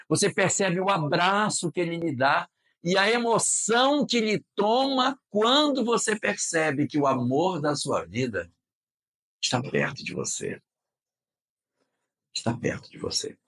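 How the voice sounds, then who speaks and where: A man's voice: on the high side, a bit bright. A man with a Brazilian accent giving a religious lecture and telling stories expressively, repeating phrases for emphasis. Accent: Brazilian Portuguese. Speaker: spiritist lecturer.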